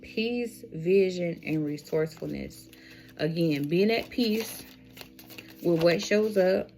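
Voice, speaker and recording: A woman reads tarot for her followers, unhurried and reflective. Her voice sits a bit low with a gravelly rasp. Soft music plays faintly underneath. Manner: slow, reflective, repeats phrases, addresses viewers as y'all. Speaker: tarot reader. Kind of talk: spiritual tarot reading to camera.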